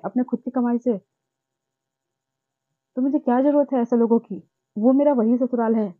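A young woman with a slightly high voice vlogs about her own life in an emotional monologue, sounding impassioned, repetitive and indignant. The audio is tinny, like a phone, with no echo.

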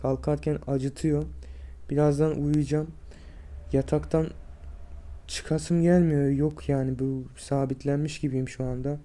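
Weak, strained young man, subdued monotone. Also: on the high side, unhurried. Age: 20s. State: sick and drained with fever and aches. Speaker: vlogger. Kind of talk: personal health vlog, speaking to viewers.

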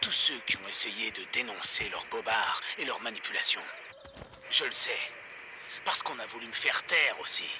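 A man's voice: fairly low pitch, expressive, moderate pace, bright, forceful tone. A man voicing a defiant conspiracy radio host, speaking in a preachy manner over a pirate radio broadcast. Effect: pirate radio broadcast over the air. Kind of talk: scripted radio monologue. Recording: noisy radio transmission with static.

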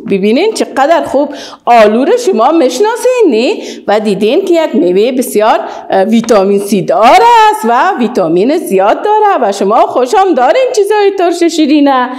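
With an Afghan Dari accent, a woman teaches the alphabet to young kids in a sing-song style, drawing out model words and praising often. Her voice sits high, is very animated, and has a darkish tone.

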